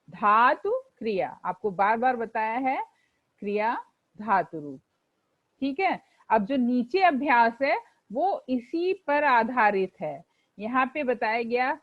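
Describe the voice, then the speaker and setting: A woman's voice: a little high, dull audio. A woman teacher explaining a textbook lesson to pupils, patiently going over each exercise and reciting word forms for them to repeat.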